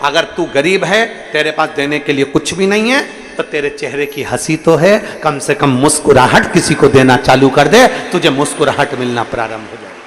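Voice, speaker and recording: A man's voice: on the high side, lively intonation, moderate pace, in a large hall. A man giving a devotional sermon, telling stories, acting out their voices and repeating lines for emphasis. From India. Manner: storytelling preacher, acts out voices in anecdotes, repeats lines for emphasis. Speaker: kathavachak preacher.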